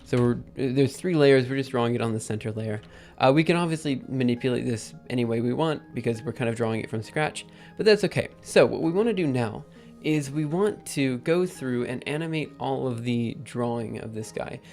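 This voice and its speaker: A man hosting a live coding stream, thinking aloud in a halting, casual way with many ums. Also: medium pitch, a little mellow, faint music behind. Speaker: livestream host.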